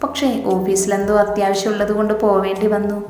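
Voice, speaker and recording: A woman's voice: mid-range voice, completely flat delivery, a little fast, a little mellow, echoey room, long reverb tail, natural voice. A woman voicing an affectionate middle-aged mother in a narrated novel, tender and caring.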